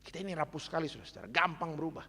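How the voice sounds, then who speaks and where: Pastor preaching in an echoing church. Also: male voice, on the high side, lively intonation, very fast, creaky, pushed and bright, slightly rough. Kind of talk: sermon. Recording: echoey church hall.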